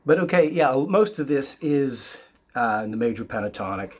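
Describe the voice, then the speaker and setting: A man with a raspy, sick voice, giving a casual guitar lesson in a relaxed, halting way with many fillers. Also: medium pitch. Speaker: guitar teacher. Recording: loud guitar playing behind the voice.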